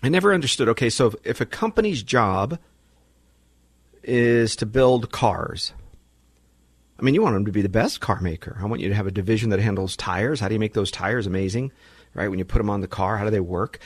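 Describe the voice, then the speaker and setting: A man's voice: mid-range voice, breathy edge, no room sound. A man hosting talk radio with an informal, emphatic monologue full of rhetorical questions and repetition. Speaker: radio show host.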